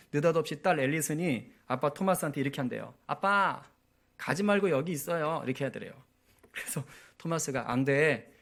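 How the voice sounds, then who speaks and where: A man's voice: medium pitch, creaky. A man preaching a sermon as pastor at a church prayer meeting, telling stories and often checking in with the congregation. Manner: storytelling, often asks the congregation for agreement.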